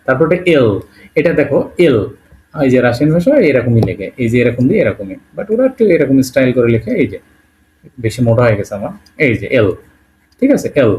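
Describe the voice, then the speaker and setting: A patient male teacher walking beginners through an alphabet, one letter at a time. He repeats each sound slowly and keeps checking in with a quick "okay?". English words slip into his explanations now and then. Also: mid-range voice, very animated, darkish tone, a little hiss or hum. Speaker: language teacher. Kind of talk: Bengali-language alphabet lesson.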